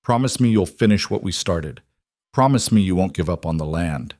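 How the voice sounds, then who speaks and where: A man voicing a weak, dying old father whose voice is raspy and faint. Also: deep voice, expressive, normal speed, darkish tone, no room sound, studio quality. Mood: weak insistence.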